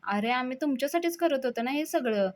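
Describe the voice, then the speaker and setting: A woman voicing an excitable young village man who hurries everyone along, in a retold serial episode. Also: sits high, fairly quick, pitched above the performer's own voice. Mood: eager.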